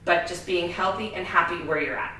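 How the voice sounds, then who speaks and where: A woman's voice: lowish voice, fairly even intonation, a little fast, bright, forceful tone. A woman in her forties hosting a casual talk show, speaking candidly and laughing often. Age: 40s. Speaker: host. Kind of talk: casual chat. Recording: roomy echo, mic at a distance.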